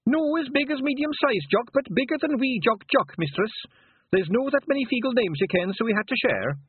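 Here a tiny, keen young Scottish pixie lad pipes up, very high, bouncing all over his pitch and full of earnest duty. It comes through thin and tinny, like a phone line, and dry. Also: animated, fairly quick, slightly rough, no echo, exaggerated voice. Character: young eager male Feegle pixie, earnest and dutiful.

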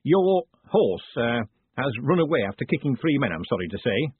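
A male narrator voices a small, bird-like storybook town mayor in audiobook dialogue, eager, nervous and deferential, talking chattily with repetitive folksy phrases and tag endings. His husky voice swings widely in pitch at normal speed. The dry recording sounds muffled, narrow and thin, like a phone line.

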